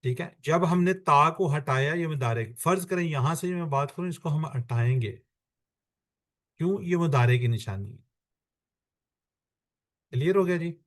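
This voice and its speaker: A man's voice: fairly high pitch, long pauses. A man teaching an online Quran grammar class, patiently walking students through points step by step and calling on them by name.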